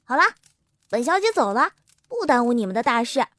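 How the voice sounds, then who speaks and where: A man's voice: very high-pitched, sing-song, a little fast, fairly bright tone, no room sound, voice pushed up, exaggerated voice. A man voicing a mischievous, spoiled young girl who teases in a giggly way. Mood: teasing. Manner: teasing, giggly.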